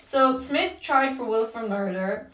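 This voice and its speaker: A young woman with a slightly high voice chats casually on a podcast, rambling and joking through her notes and swearing freely. She sits a little away from the mic in an echoey room, so her voice sounds distant. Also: expressive, measured pace, fairly bright tone. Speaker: podcast host.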